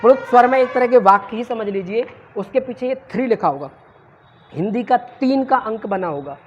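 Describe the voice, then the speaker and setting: Higher-pitched woman teaching a classroom lesson. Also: lively intonation, a little mellow. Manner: quizzes the class and answers her own questions; drawn-out sounds in demonstrations. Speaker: Sanskrit teacher. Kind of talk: classroom lecture. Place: classroom with students present. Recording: muffled lo-fi with faint noise.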